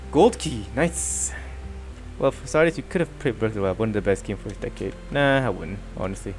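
A man's voice: lowish voice, very animated, normal speed, soft background music. A man streaming a video game, chatting casually in a rambling way, stammering and laughing often. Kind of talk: casual let's-play chat.

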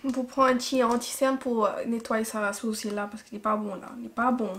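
A woman's voice: a little high, flat delivery, brisk, fairly bright tone. A young woman with a Mauritian Creole accent, chatting casually through a makeup tutorial and improvising her words as she goes. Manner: chatty, improvised, laughs at her own mistakes. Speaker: beauty vlogger.

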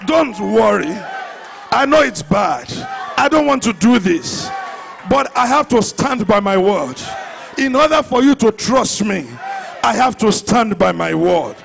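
Speaking at a measured pace, this high-pitched man has lively intonation and vocal fry. He's a middle-aged preacher with a Nigerian accent, delivering a fervent, emphatic sermon through a handheld microphone to a congregation in a big church hall, repeating lines for effect. The low-quality live PA recording carries slight hiss or hum and faint crowd sound.

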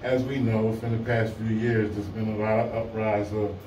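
A man's voice: on the low side, little pitch movement, normal speed, dark tone. Man talking casually in an echoey lobby. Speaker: citizen auditor questioning police. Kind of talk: casual conversation. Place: small indoor police station lobby. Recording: echoey, noisy, distant lobby recording.

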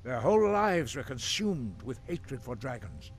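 A man voicing a solemn, stern old monk in a video game, speaking in a grave, measured, lecturing way. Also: medium pitch, sing-song, faint music behind. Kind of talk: game character dialogue.

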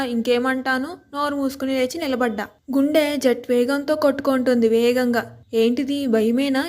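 A woman reading a story aloud in the first person, lively and expressive. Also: high voice.

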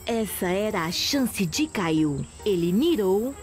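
A woman's voice: mid-range voice, lively intonation, takes it slowly, darkish tone, faint music behind. A woman narrating a children's cartoon as a storyteller, reading scripted lines.

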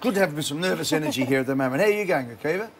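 Upbeat Australian quiz host, fairly high voice. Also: male voice, expressive, very fast, a little hiss or hum. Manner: jokey, chatty, upbeat. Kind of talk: game show hosting. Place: large TV studio with live audience. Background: show music and audience.

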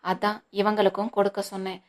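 A woman's voice: mid-range voice, level tone, fairly quick, close to an everyday voice. A woman reading the lines of a composed, formal young man in a storybook, explaining himself evenly.

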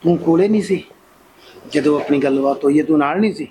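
A man's voice: fairly high pitch, fast, dark tone, a little hiss or hum, close to an everyday voice. An actor playing a stubborn rural father who waves off his wife's objections. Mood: dismissive.

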